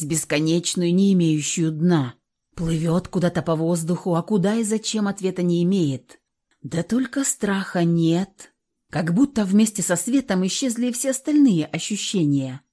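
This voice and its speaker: Expressive woman reading a fairy tale. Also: fairly low pitch. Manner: expressive, storytelling. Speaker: audiobook narrator. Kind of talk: expressive audiobook narration.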